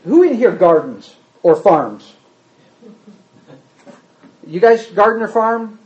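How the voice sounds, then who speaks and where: Taking it slowly, a man with a high-sitting voice teaches a Bible class conversationally; he's animated, acts out quotes and asks the room questions. The lo-fi room recording sounds roomy and dull.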